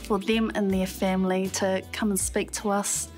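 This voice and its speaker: A woman official gives interview answers in a measured, formal manner. Her voice sits mid-range, with faint music behind. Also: medium pitch, level tone, darkish tone. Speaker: immigration official.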